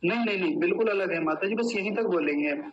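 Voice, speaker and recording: A man teaching Sanskrit mantra pronunciation in an online class, chanting slowly and deliberately syllable by syllable. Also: high-pitched, highs cut off.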